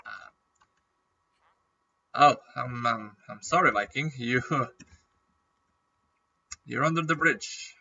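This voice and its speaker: Taking it slowly with long pauses, a man who makes gaming videos on YouTube drifts through relaxed, talkative commentary, repeatedly clearing his throat against a nagging cough. His mid-range voice is very bright and sharp, while the recording sounds dull and somewhat distant, like he's leaning away from the mic.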